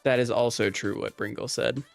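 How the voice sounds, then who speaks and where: With noticeable vocal fry, a male livestream host chats casually and drifts from topic to topic while responding to his viewers. His mid-range voice holds a steady tone at a moderate pace, and soft background music plays throughout.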